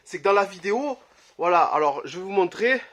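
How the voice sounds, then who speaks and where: High-voiced man, blunt and sweary. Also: expressive, a little fast, fairly bright tone. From Marseille, France. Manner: blunt, swears freely, trails off into filler "euh". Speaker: retro game collector vlogger. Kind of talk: casual vlog talk to camera. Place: his home, early morning.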